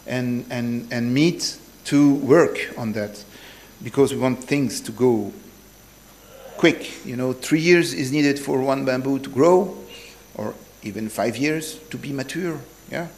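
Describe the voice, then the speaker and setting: Man, medium pitch, halting seminar speech, repeated words, faint background noise. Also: darkish tone, low-quality recording. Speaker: seminar speaker. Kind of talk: public speech, partly improvised.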